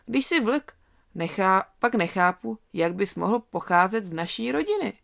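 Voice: medium pitch, big pitch swings, gravelly, fairly bright tone. A storyteller voicing a cheeky, kind-hearted young male lamb.

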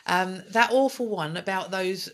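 A woman's voice: mid-range voice, measured pace. A woman co-hosting a podcast, telling a story in a chatty, emphatic way. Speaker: podcast co-host. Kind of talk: casual chat.

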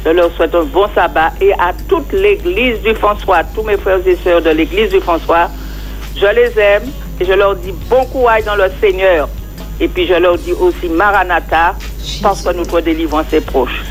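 A woman's voice: lowish voice, normal speed, soft background music. A radio show caller, a woman, comes through over a phone line. She talks fervently and heaps greeting upon blessing. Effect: heard over a phone line on air.

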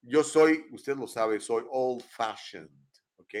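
An older man with a Mexican Spanish accent hosts a live show from home, chatting casually and rambling while tacking tag questions onto his sentences. His voice is mid-range and slow.

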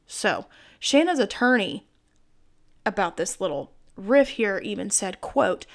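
A woman's voice: mid-range voice, animated, slow. Woman, podcast host, true crime commentary, indignant, chatty asides to listeners.

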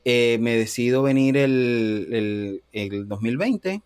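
A man's voice: medium pitch, slow pace, clear, resonant tone. Chatty man telling his love story. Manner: animated, acts out quoted dialogue, laughs often. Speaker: interview guest. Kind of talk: casual storytelling interview.

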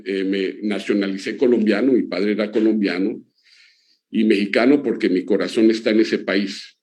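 A man in his sixties, an interview guest, answering in a relaxed, conversational way with frequent pauses. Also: fairly low pitch. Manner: relaxed, many "eh" and "pues" fillers.

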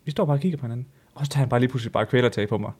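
Young male co-host, animated storyteller, laughs a lot, casual swearing. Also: medium pitch, husky. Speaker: podcast co-host. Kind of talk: casual chat.

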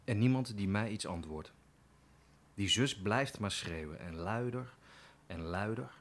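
A man giving a steady, deliberate first-person dramatic reading of a play text. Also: fairly low pitch. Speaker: reader in a radio play reading.

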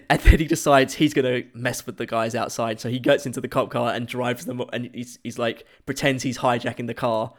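A man chatting casually as a podcast co-host, laughing often as he retells scenes with halting restarts. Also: mid-range voice, steady tone. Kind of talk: casual chat.

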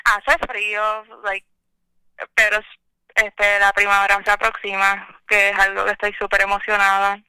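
A woman's voice: mid-range voice, monotone, normal speed, bright, forceful tone, clean tone, dry recording, rough recording. A young adult woman chatting casually as a guest over the phone, dropping English words into her Spanish. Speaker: podcast guest. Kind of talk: casual chat.

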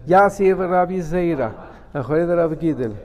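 A man's voice: on the high side, animated, normal speed, a little mellow. A man gives a religious lesson. He speaks as a rabbi to his students, reading a phrase, translating it and repeating key points with emphasis. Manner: emphatic, repeats and explains step by step. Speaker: rabbi teaching a Talmud class.

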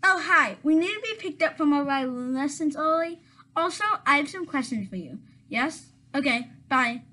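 A woman narrating and acting in a family mystery audio drama, talking in a quick, matter-of-fact way. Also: high-pitched, lively intonation, pushed and bright. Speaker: narrator and lead player.

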